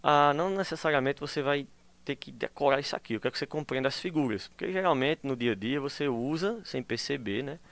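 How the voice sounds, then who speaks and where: With a medium-pitched, creaky voice and a quick pace, the teacher delivers a recorded school lesson. He's patient, checks in constantly through tag questions, and brings example phrases to life by acting them out.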